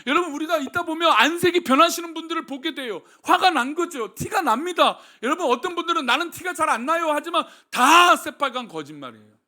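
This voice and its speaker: A male senior pastor preaching a sermon, asking the congregation rhetorical questions and swinging between soft and loud delivery. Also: very high-pitched, lively intonation, fast, few pauses.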